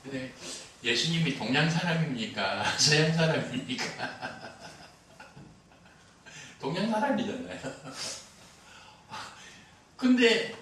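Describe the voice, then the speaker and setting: A man's voice: on the high side, sing-song, slow, long pauses, a bit bright, a little hiss or hum. An older man preaching a sermon as a pastor, telling stories with humor and acting out the dialogue. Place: church sanctuary. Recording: roomy echo, heard from a distance.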